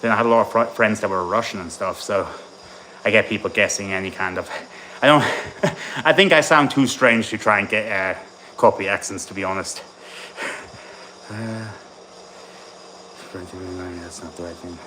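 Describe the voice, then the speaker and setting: This bodybuilding coach, Tennessee-born and Ireland-raised, has a lowish, sharp voice at normal speed, pausing often over a slight hiss or hum. He rambles chattily to his live-stream viewers between gym sets, replying to chat as he trains.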